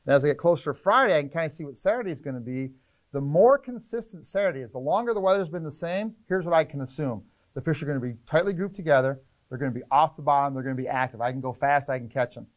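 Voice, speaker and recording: A middle-aged man, a fishing charter captain, explaining trip planning in casual, energetic interview talk in an indoor tackle shop. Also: on the high side. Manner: energetic, gestures a lot, lists points rapidly.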